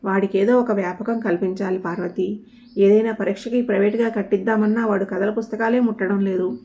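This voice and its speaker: A woman voicing a calm, worried middle-aged father who talks things over with a sigh. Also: mid-range voice, fairly quick, muffled recording, a little hiss or hum, lightly acted. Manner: calm, sighing.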